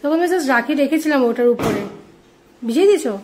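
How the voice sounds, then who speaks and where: A woman's voice: sits high, expressive, quick pace, a little mellow, slight background noise. A young woman vlogging casually at home, teasing and bossing someone about chores. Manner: teasing, bossy. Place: home indoors.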